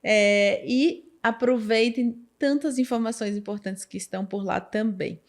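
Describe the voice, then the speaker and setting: A woman's voice: mid-range voice, measured pace. A woman hosting a podcast interview, asking questions and giving brief affirming replies. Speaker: podcast host. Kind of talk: casual interview chat.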